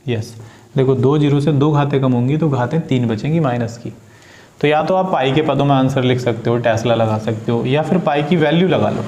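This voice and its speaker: A man's voice: medium pitch, a little fast, a little mellow. Male tutor, mid-range voice, patient step-by-step classroom explainer. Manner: patient, addresses students as beta, asks and answers own questions. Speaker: physics teacher. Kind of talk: classroom problem-solving lesson.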